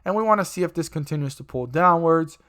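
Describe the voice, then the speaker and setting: A man hosting a stock chart video, explaining price levels to investors in a steady, direct way. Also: on the high side, quick pace. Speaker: stock market video host. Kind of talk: scripted stock chart commentary.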